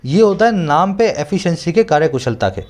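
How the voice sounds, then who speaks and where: Here a male English tutor goes through a newspaper editorial in Hindi, dropping in English terms with an Indian English accent and frequently asking if the learner understands. His voice sits on the high side with a darkish tone, lively intonation and a slightly fast pace.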